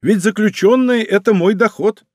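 A man's voice: sits high, moderate pace, no echo, studio quality, pitched above the performer's own voice. A man voicing a sly, timid, middle-aged fortress commandant who complains in a plaintive, wheedling way.

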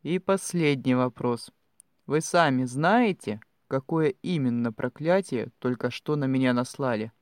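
A man's voice: fairly high pitch, moderate pace, no echo, studio quality, lightly acted. A man voicing a stern male academy director who hisses his questions with barely restrained rage. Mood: cold fury.

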